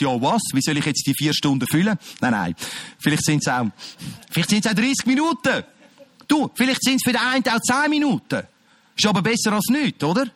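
A male preacher with a notably high voice. He speaks emphatically and addresses listeners directly, moving between loud calls and quiet, close passages. The sound is dry and close, with no room echo. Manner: emphatic, swings from shouting to quiet. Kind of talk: sermon.

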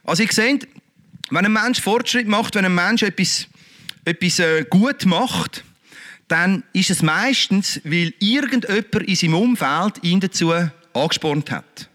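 A middle-aged man, preaching a lively, conversational sermon full of rhetorical questions. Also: high-pitched, unhurried. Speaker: pastor.

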